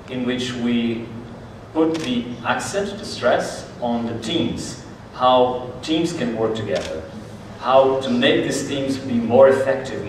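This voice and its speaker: A Brazilian man in his forties gives a conference presentation at a mid pitch, friendly and conversational, gesturing a lot as he talks. He's heard from far off in a large hall, so the sound carries heavy echo and a faint hum of ambience.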